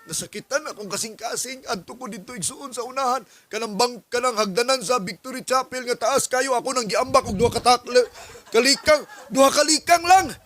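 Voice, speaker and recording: A male pastor from the Philippines preaching a sermon as an animated story, acting out dialogues. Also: very high-pitched, brisk.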